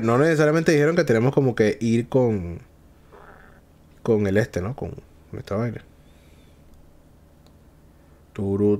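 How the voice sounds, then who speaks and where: A Venezuelan man giving excited, slangy gameplay commentary with loud exclamations and rapid repeated words. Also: medium pitch. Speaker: gameplay streamer. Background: game music.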